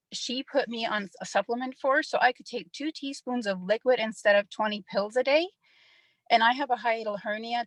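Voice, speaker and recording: A woman's voice: fairly high pitch, no room sound, low-quality recording. A middle-aged woman, somewhat nervous, giving a personal testimonial on a group call.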